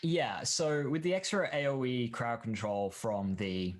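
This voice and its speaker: A man's voice: medium pitch, measured pace, a little hiss or hum. A man explaining game skills in detail, thinking aloud as he goes. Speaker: guest expert. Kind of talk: game reveal discussion.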